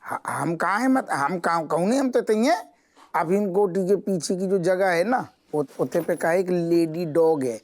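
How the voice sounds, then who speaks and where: Bumbling constable. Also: male voice, sits high, lively intonation, a little slow. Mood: comic. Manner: rustic, cajoling, comic. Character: bumbling rustic police constable man. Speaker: police constable. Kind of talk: sitcom acting.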